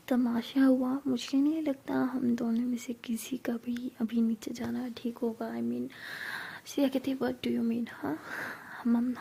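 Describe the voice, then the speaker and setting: Soft-voiced woman telling a story. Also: a little high, creaky, slight background noise. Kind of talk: casual storytelling narration in Hindi.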